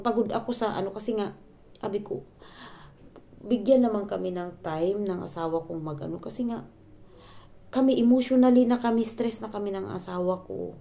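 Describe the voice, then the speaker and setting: Filipina woman venting, lowish voice. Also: a little mellow. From Philippines. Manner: rambling storytelling, many fillers and restarts, mixes in English; exasperated venting. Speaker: vlogger. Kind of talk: casual chat to viewers.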